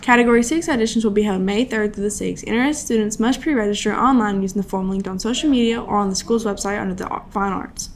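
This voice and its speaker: A woman's voice: medium pitch, fast talker, hardly any pauses, a little hiss or hum. A young woman anchoring scripted school morning announcements at a desk microphone. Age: teens to young adult, high school student. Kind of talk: scripted news announcements read to camera. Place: small studio at a desk. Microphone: desktop microphone.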